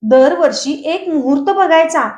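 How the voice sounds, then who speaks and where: A woman reading a novel aloud as an audiobook narrator, at a steady, measured storytelling pace. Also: high voice. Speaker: audiobook reader. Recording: echoey room.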